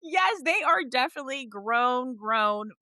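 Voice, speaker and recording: A woman's voice: high voice, lively intonation, a little slow, bright, forceful tone, no echo. A young woman co-hosting a podcast, chatting casually and agreeing eagerly with enthusiasm. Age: young adult. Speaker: podcast co-host. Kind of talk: casual chat.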